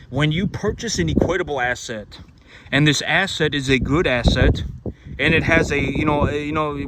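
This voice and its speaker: A man who raises cattle vlogs straight to his audience in a casual, emphatic monologue full of repetition, fillers and restarted sentences. His voice runs fairly high, and there's background noise in the recording.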